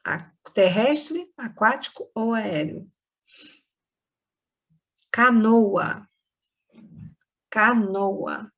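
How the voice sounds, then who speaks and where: A Brazilian woman teacher giving a recorded lesson to young children, dictating words slowly and patiently, checking in with "ok?" as she goes. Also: on the high side, lively intonation. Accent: Brazilian Portuguese. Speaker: primary school teacher. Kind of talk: recorded online class for children.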